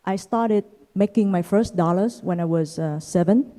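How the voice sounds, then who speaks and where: This woman's voice is fairly low and mellow. She's a Vietnamese venture capitalist in her thirties, delivering a measured keynote from a conference stage and often saying "uh."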